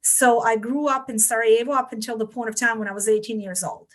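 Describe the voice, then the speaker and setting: A woman in her forties with a Bosnian accent, a podcast guest telling her life story in a reflective, measured way. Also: fairly high pitch, steady tone. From Bosnia and Herzegovina. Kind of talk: interview storytelling.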